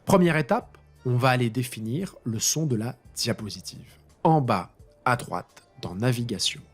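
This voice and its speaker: A husky-voiced male teacher records his screen tutorial, explaining each step straight to his students as he clicks along. His delivery is unscripted and a little improvised, with faint music behind him. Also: mid-range voice, lively intonation, normal speed. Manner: talks through each click while improvising, addressing his students directly. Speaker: high school teacher.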